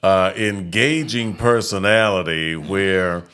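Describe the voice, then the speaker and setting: A man's voice: sits low, slow, pushed and bright, clean tone. A middle-aged man hosting a casual chat in a folksy way, repeating his phrases for emphasis. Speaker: host, interviewer.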